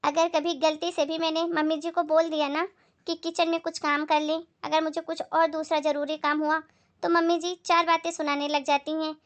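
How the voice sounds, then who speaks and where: A woman playing an overworked young daughter-in-law who is polite but gently mocking, in a family moral skit. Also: high-pitched, flat delivery, moderate pace, natural voice. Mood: pointed.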